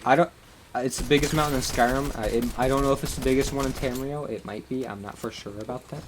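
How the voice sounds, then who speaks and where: A man in his own everyday voice, talking loosely and profanely as he retells a game, with frequent laughs. His pitch sits in the middle for a man. Faint noise hums underneath. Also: steady tone, fast talker. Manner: rambling, profane, laughs often. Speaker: streamer. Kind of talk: casual chat recapping a game.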